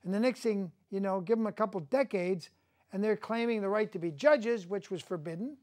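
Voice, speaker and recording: A man's voice: sits high, fairly quick, a little mellow. A man hosting a studio talk show, ranting emphatically and indignantly.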